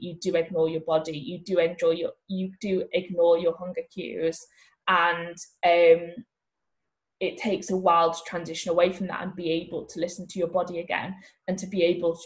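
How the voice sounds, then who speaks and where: A woman hosting a casual solo fitness podcast, talking in a relaxed way with frequent ums. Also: lowish voice, poor audio. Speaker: podcast host and fitness coach.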